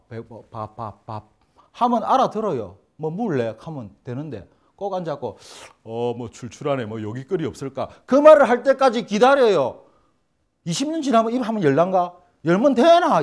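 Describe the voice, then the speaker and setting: A man teaching a lecture on learning Chinese, blunt and joking, acting out examples in funny voices. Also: sits high. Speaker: Chinese language instructor. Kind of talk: lively classroom lecture.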